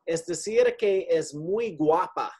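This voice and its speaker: A man teaching English in a lesson, patient, explaining slowly and repeating phrases for the class. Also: on the high side, darkish tone, husky. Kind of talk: bilingual language lesson.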